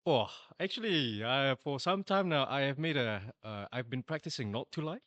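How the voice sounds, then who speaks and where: A man's voice: mid-range voice, animated, normal speed, a bit bright, no room sound, dull audio. A man from Malaysia, a startup founder, chatting casually as an interview guest, laughing often and tagging "you know".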